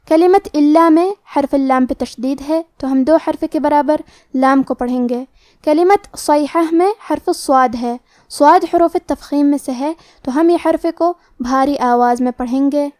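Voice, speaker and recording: A woman teaching recitation rules in a slow, methodical lesson, explaining each rule step by step. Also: high voice, warm tone, no room sound, studio quality.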